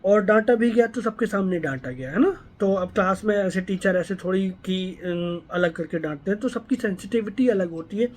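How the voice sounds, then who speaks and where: A man's voice: high voice, moderate pace, few pauses. A man, a homeopathy doctor, walking listeners through a patient case and often checking that they follow. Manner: explanatory, keeps checking in with listeners. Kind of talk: explaining a patient case to students.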